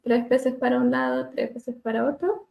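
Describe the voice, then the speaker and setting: A woman speech therapist leading a webinar on voice care, gently demonstrating hums and glides over a video call and laughing at herself now and then. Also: high voice, little pitch movement, moderate pace, vocal fry. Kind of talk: live webinar lesson on vocal exercises.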